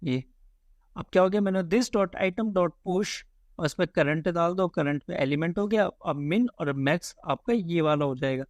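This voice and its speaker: A man teaching code in a relaxed, chatty way, thinking aloud as he types and often calling his viewers "guys". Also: a little high, moderate pace, no room sound. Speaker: coding tutor. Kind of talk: casual screen-recorded coding lesson.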